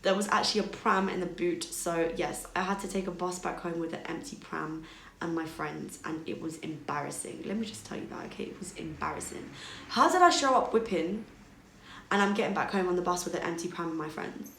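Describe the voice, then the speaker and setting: Young British woman, casual storytime, lots of "like", lowish voice, echoey room, faint hiss. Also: a little fast, gravelly, fairly bright tone. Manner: chatty, filler-heavy, acts out quoted dialogue. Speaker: vlogger.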